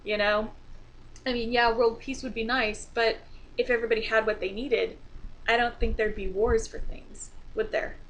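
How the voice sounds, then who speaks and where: A woman's voice: a little high, fairly even intonation, normal speed, fairly bright tone, highs cut off, slight background noise. A woman hosting a casual chat to her viewers, earnest at times and playful when telling jokes. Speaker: host of a beading video chat.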